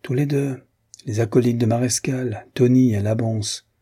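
A man's voice: medium pitch, steady tone, unhurried, mellow, breathy edge. A man voicing a jealous, bitter official husband in an audiobook reading, sneering and brooding. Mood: anxious. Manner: sneering, then nervous and brooding.

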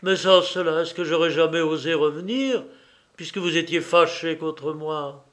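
Male reader doing a frail young man, imploring and urgent, voice pushed high, storybook drama. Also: moderate pace, a bit bright, natural voice. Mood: pleading.

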